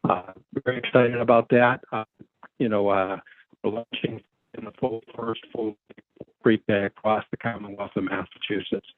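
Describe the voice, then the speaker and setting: A man, a school superintendent, giving a budget report over a phone line that keeps breaking up and cutting out, pausing with many fillers. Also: on the low side, fairly even intonation. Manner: halting, many filler sounds. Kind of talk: budget presentation at a public meeting. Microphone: mobile phone call. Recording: tinny dry phone line.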